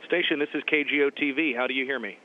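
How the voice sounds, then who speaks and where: Fast-talking male interviewer on tinny line. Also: medium pitch, fairly even intonation. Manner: chatty, inquisitive. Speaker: TV station interviewer. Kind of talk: conversational interview questioning. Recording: tinny phone-like line, faint noise.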